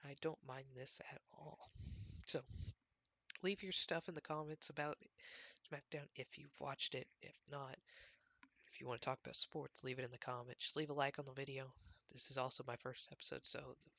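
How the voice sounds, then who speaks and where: A man's voice: mid-range voice, fairly even intonation, normal speed, creaky, bright, forceful tone, no echo. A man hosting his own sports show from home, recapping casually in a rambling, conversational way. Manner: rambling, conversational, filler-heavy.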